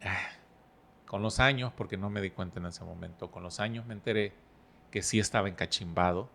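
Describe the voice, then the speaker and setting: A middle-aged man, a podcast guest who talks calmly and explains with stories and analogies. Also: deep voice, gravelly, slight background noise. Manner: storytelling, explains with analogies, calm and measured. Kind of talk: relaxed podcast conversation.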